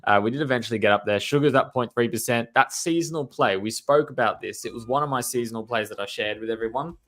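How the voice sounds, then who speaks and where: Bright-voiced man chatting markets. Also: mid-range voice. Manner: upbeat, chatty, quick asides and laughs. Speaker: co-host of a trading show. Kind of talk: casual market chat.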